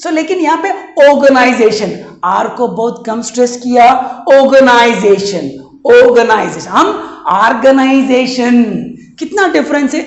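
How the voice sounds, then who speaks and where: A man with an Indian accent teaching a spoken English lesson, drilling words and having students repeat them, and slowing right down for English phrases. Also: extremely high pitch, animated. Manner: slows down sharply for English phrases. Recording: roomy echo.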